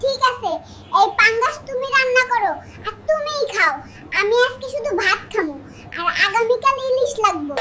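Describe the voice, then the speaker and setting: A high cartoon voice doing a whiny wife. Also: expressive, moderate pace. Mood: demanding. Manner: whiny, sulky, dramatic. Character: fussy wife who wants only hilsa fish. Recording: loud background noise.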